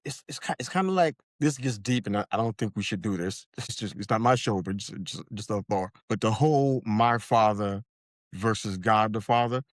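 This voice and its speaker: A man talking as a podcast guest about faith, animated and acting out imagined voices. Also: fairly low pitch, moderate pace, no echo, studio quality. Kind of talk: faith conversation.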